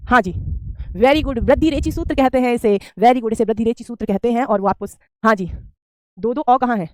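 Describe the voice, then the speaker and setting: A woman's voice: a little high, fairly quick, darkish tone, no echo, studio quality. A woman teaching a live online grammar lesson, drilling students with questions and repeating each answer back to them.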